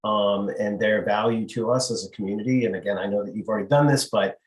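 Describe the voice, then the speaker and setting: A man on a town board asking polite, measured questions at a public meeting. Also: fairly low pitch, steady tone, reverberant, rough recording.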